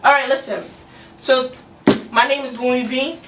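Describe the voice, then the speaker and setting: A woman's voice: high voice, fairly even intonation, moderate pace, recorded from a distance. Young woman vlogger, off-mic in an echoey room. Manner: laid-back, swears casually, leads the intro. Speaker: co-host of a vlog channel. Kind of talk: casual chat while unboxing food. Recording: echoey room, voice off-mic, loud background noise.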